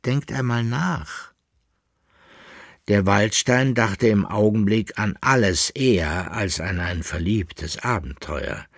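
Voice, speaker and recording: A man reading a novel aloud in a calm, measured storytelling manner. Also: on the low side, husky, dry recording, studio quality. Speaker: audiobook reader. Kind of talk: scripted literary narration.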